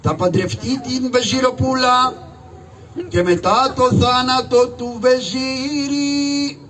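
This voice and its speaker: A man doing a shrill fussy town crier. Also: natural voice. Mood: proclaiming. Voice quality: loud proclaiming, wheedling, fussy. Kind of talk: live shadow puppet theater. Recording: distant live stage recording with audience noise.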